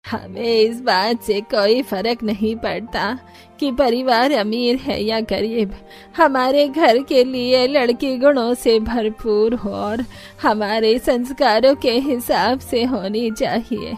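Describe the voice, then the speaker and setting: A woman voicing a kindly older grandmother in a cartoon, speaking slowly and gently. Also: fairly high pitch, faint music behind. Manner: slow, gentle and pleading. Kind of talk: cartoon voice acting.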